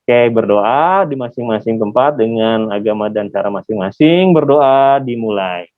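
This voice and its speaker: A man's voice: fairly low pitch, expressive, normal speed. A man, chattily hosting an online class through a face mask and often asking listeners to confirm. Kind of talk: casual, interactive webinar hosting. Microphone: video call. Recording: muffled, phone-like online call audio.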